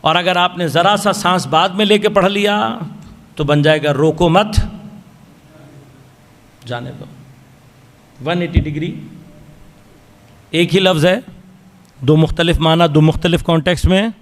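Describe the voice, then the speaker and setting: A man giving a measured religious lecture in a mosque, explaining his point and asking the audience rhetorical questions. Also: high-pitched, a bit bright. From Pakistan. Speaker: Shia cleric giving a majlis sermon. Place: large mosque hall. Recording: long hall reverb from a mosque PA. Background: long reverb.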